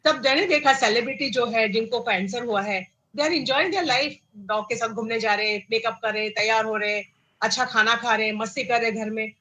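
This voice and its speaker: A middle-aged woman from India with an Indian accent, telling her personal story in an animated way and mixing in English phrases. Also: fairly high pitch, brisk, poor audio. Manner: animated, acts out quoted dialogue, mixes in English phrases. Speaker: cancer survivor guest.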